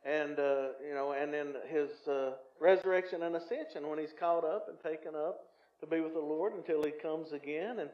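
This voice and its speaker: A man preaching, his voice sitting fairly high. He tells folksy stories, stumbles through fillers and restarts, and pushes louder on key points. The sound is roomy and a little dull, as from a church recording. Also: steady tone, normal speed. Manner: folksy storytelling with frequent fillers and restarts, swells loud for emphasis. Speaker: pastor. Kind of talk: sermon. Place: church sanctuary.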